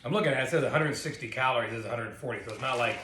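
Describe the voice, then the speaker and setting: Man, medium pitch, casual food review, crunching chips, roomy echo, faint noise. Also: very fast, pushed and bright. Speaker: co-host of a snack taste test. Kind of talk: casual chat while tasting food. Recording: echoey room with faint noise.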